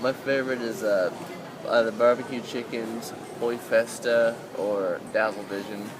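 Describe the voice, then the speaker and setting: A man's voice: medium pitch, fairly even intonation, measured pace. A man interviewing someone casually outdoors, talking in an informal, rambling way. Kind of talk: casual chat, swearing freely. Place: outdoors on a city street. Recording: noisy outdoor urban street with traffic.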